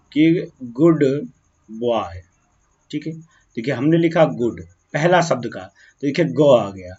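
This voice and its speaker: Husky man teaching grammar slowly. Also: on the high side, darkish tone. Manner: keeps checking in with "ठीक है ना" and "clear है"; slow, drawn-out when writing words. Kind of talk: grammar lesson explaining on a board. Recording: dull, muffled lo-fi sound.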